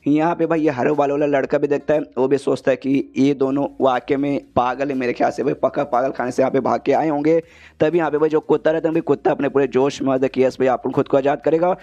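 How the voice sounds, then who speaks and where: A man's voice: mid-range voice, steady tone, fast, dark tone, lo-fi sound. A man retelling a comic story in a chatty, casual way, calling the listener "brother" again and again. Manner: chatty, says "bhai" in nearly every line. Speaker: manhwa recap narrator.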